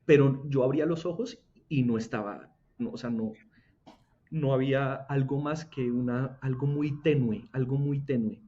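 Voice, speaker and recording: A young man giving an earnest, halting faith testimony, often repeating words as he goes. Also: mid-range voice, warm tone, muffled recording. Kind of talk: emotional personal testimony.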